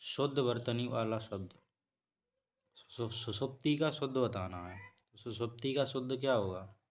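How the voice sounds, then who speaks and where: A man teaching a spelling lesson for exam preparation, repeating each word slowly and correcting himself as he goes. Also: mid-range voice. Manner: slow, repetitive explaining, self-correcting. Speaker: Hindi teacher.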